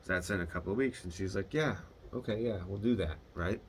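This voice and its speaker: A man's voice: lowish voice, fairly quick, a little hiss or hum. A young man telling a video diary about a hard phone call, hesitant and swearing when upset. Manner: retells phone calls, quoting both sides. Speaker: video diarist. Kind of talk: casual confessional monologue.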